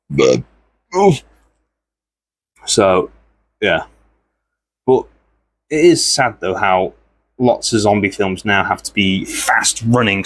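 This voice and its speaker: A man, host of an art channel, chatting casually and meandering from thought to thought while he works, often clearing his throat. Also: lowish voice.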